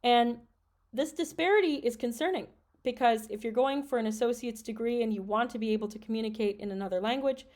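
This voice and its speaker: Speaking fairly quickly, this Michigan podcast host pitches her voice fairly high with a slightly mellow quality. A French teacher by trade, she delivers solo commentary, reading statistics aloud as she earnestly discusses worries about education.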